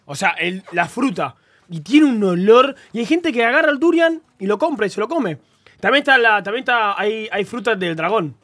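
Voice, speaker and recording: Bright-voiced Argentine young man. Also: high-pitched, normal speed. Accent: Argentine Spanish. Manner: joking, animated, coaxing friends. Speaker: streamer. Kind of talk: casual chat.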